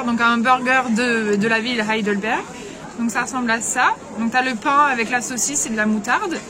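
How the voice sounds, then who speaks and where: A young woman chatting casually to her viewers while touring a snowy town and tasting market food. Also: sits high. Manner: chatty, lots of fillers, addresses viewers directly. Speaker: travel vlogger. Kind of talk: casual travel vlog. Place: outdoors at a snowy castle and Christmas market. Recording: outdoor recording with street noise behind.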